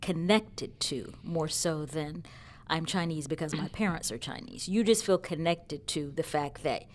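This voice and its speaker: A middle-aged woman hosting a podcast panel, introducing guests and asking questions in a lively, upbeat way. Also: deep voice, a little slow. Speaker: podcast host. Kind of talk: casual panel talk.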